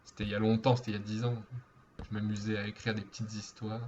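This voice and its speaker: A man's voice: fairly low pitch, flat delivery, fast talker, a little mellow. A man streaming a game, chatting and joking in a rambling, playful way. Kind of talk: casual gaming chat. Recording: dull lo-fi stream audio with faint hiss.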